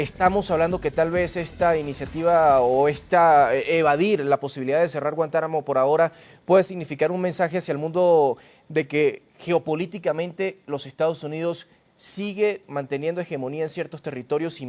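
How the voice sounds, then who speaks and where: A male TV news host moderating a debate, with a voice somewhat high for a man. He asks short, direct questions and moves the guests along. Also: a little fast, darkish tone.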